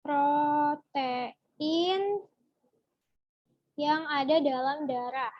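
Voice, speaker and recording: A young woman runs a relaxed online biology class, tossing questions to her viewers and answering them as they come in. Her voice sits high and bright. The sound is dry and a little dull, like a simple home setup. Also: very slow, dry recording. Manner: chatty, asks the viewers questions and answers from chat. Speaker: biology tutor. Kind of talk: casual online biology lesson.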